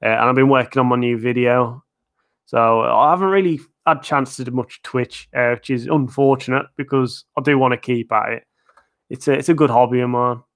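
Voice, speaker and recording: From his living room, a man who makes theme park videos runs a live-stream Q&A, chatty and meandering, full of fillers and little chuckles. His mid-range voice is a bit bright and fairly quick, with fairly even intonation, and it's growing hoarse as he loses it.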